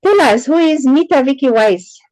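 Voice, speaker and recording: Mellow-voiced woman asking curious questions. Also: sits high, expressive, dry recording, low-quality recording. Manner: measured, curious questioning with frequent pauses. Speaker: interviewer. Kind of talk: casual online interview.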